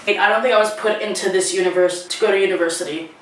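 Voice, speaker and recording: A woman's voice: mid-range voice, fairly even intonation, quick pace. A woman in her twenties talking in a candid, rambling, casual confessional way, recorded in an echoing bathroom. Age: 20s. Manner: rambling, candid, freely swearing. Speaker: vlogger. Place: small indoor bathroom. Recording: very echoey bathroom, distant mic.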